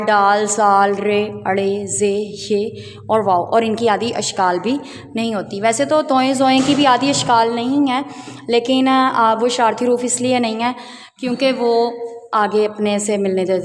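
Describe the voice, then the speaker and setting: A woman teaching the Urdu alphabet, calmly naming each letter and its half forms one at a time. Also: a little high, big-room sound, a little hiss or hum. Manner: patient, spells out letters one by one. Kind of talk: slow teaching walkthrough of letters.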